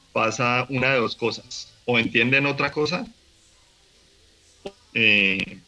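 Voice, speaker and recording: Gravelly bright-voiced man teaching. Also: medium pitch, poor audio. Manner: patient explaining, fillers and restarts, slow demonstration of tones. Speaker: language teacher. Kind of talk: recorded online workshop lesson.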